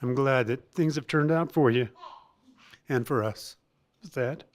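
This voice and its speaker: A middle-aged man giving a halting, reminiscing tribute to his mother at a family birthday gathering, with many restarts and laughs. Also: mid-range voice.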